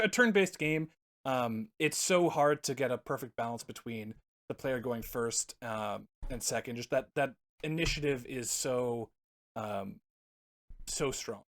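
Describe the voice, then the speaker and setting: A man's voice: medium pitch, fairly bright tone. A man in casual podcast chat, his thoughts wandering as he loses and finds the word he wants. He laughs easily between points. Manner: rambling, laughs often, searches for words. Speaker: podcast co-host. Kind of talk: casual chat about card games.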